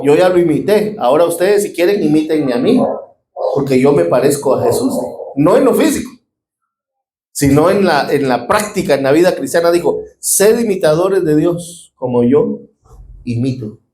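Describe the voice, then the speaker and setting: A man's voice: on the high side, warm tone, reverberant, poor audio. A middle-aged man with a Guatemalan Spanish accent preaching a sermon as a pastor, calling out to his congregation for responses.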